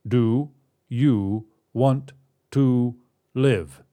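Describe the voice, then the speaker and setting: A man's voice: mid-range voice, drawn-out words, mellow. A man voicing a confused young woman who talks in a puzzled, questioning way.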